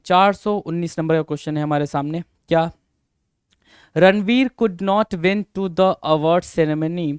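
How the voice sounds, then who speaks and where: A man teaching English grammar for an exam in a mix of Hindi and English with an Indian accent, patiently repeating points, asking questions and answering them himself, reading example sentences slowly. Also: sits high, clear, resonant tone, no room sound, studio quality. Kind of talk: exam-prep lesson in mixed Hindi and English.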